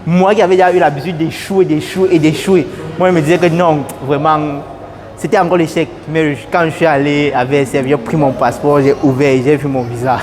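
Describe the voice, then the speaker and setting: A young man giving an earnest, casual testimonial at an airport, repeating his phrases and getting animated. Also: fairly high pitch, a little fast. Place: airport, indoors.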